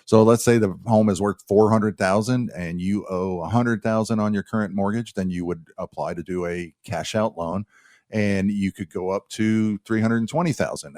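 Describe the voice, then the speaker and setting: A man with a fairly low voice hosts a live radio show, talking through home loans in a relaxed and joking way. He restarts his sentences often. His voice sounds close and dry in the studio. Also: no room sound. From United States. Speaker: radio show host, mortgage lender. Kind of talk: casual radio talk. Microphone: studio microphone.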